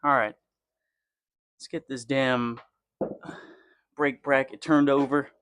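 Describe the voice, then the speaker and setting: Working on a car in his home garage, a young garage channel host talks through the repair slowly, cursing freely and grumbling under his breath as he wrenches. His medium-pitched voice is level, a bit bright, clear and resonant. The recording is dry.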